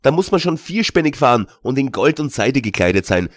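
A man's voice: medium pitch, big pitch swings, brisk, no echo, natural voice. A man reading an audiobook, voicing a bold young journeyman who scoffs and lectures his nervous companion. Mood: scoffing.

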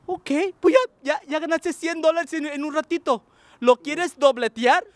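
High-voiced playful quiz show host man. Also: measured pace, dry recording. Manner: animated, teasing, switches between Spanish and English. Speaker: game show host and English teacher.

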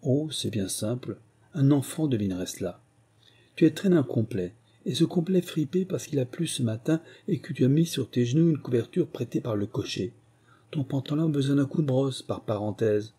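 A man reading an audiobook and voicing a clever, confident young Parisian woman who plays detective, in a brisk, teasing manner. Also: medium pitch, lively intonation, dark tone, husky, voice pushed up. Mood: explaining. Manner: brisk, teasing, deducing aloud.

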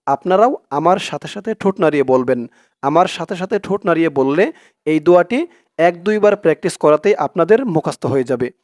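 A man teaching a prayer syllable by syllable, speaking slowly and patiently and drawing out each recited word. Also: fairly high pitch, animated, a little mellow, no echo, studio quality. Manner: slow, patient, spells out each syllable and recites Arabic drawn out. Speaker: religious teacher.

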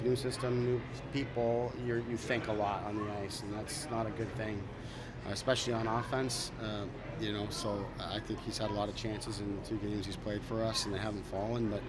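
A man in his forties, a hockey head coach, answering reporters after a game in a measured, self-critical way with many fillers and restarts, into a cluster of handheld mics. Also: medium pitch, noisy background. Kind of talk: post-game media scrum. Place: arena media backdrop, indoors. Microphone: cluster of handheld recorders and mics.

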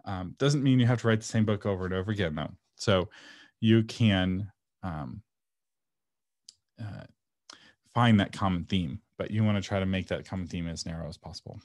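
A man's voice: low voice, moderate pace, pauses often, darkish tone, dry recording, clean studio sound. A man presenting a webinar and answering audience questions in a casual, frank way, often laughing and sometimes breaking into a passionate rant. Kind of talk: casual Q&A teaching.

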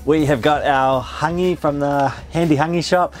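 A man's voice: fairly high pitch, fairly even intonation, moderate pace, over music. New man, eager food-vlog host. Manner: enthusiastic, explains dishes while eating. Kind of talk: casual food vlog narration. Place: inside a parked camper van.

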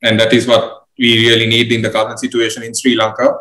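Young male host, halting questions, roomy webcam sound. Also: mid-range voice, monotone, bright, forceful tone. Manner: measured, halting questions with many fillers. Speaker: interviewer. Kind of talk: interview questions. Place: room with bookshelves indoors. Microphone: video call webcam.

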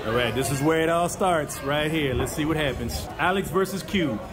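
A playful, teasing man narrates his vlog into a camera held at arm's length. His voice sits fairly high for a man. Behind him is the loud chatter of a crowded bar. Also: normal speed, loud music behind the voice. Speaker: vlogger host. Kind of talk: casual vlog chat and joking commentary. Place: busy bar with pool tables, partly open-air. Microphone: handheld camera at arm's length.

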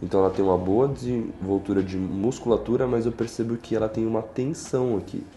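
The room's echo and faint background music, plus a little hiss or hum, surround this young Brazilian chiropractor as he talks a patient through treatment. His lowish, dark voice holds steady and he speaks fast, reassuring the patient, checking in frequently and explaining for the camera in the small treatment room with big windows.

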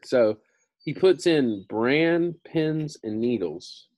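This read-aloud of a children's book comes from a man in his thirties who slows down to add casual explanations and repeats some points. His mid-range voice is animated and darkish, recorded with no echo.

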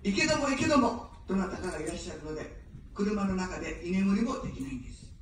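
Woman giving a booming, echoey stump speech. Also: sing-song, fast, a little hiss or hum. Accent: none, standard Japanese. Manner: joking then earnestly pleading. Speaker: election candidate. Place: outdoor evening rally. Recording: very echoey distant street PA sound.

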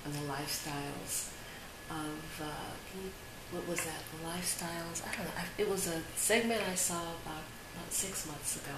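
A woman's voice: low voice, steady tone, normal speed. A woman hosting an interview, asking short direct questions in an office. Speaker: show host, interviewer. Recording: echoey room with loud hiss.

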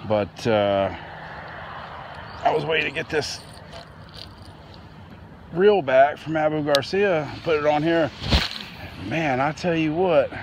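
A man's voice: on the high side, noisy background. A man vlogging while night fishing outdoors, rambling casually about his gear and surroundings, sometimes talking to his dog. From Florida.

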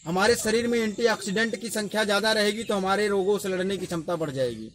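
A man's voice: sits high, fast, fairly bright tone. A man giving a patient educational explainer, repeating key terms as he teaches outdoors. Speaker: educational presenter.

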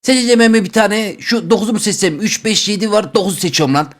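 Excitable fast-talking young man gamer. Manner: excitable, jokey, rapid banter with swings in pitch. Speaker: gaming YouTuber. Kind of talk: playing a game show on camera.

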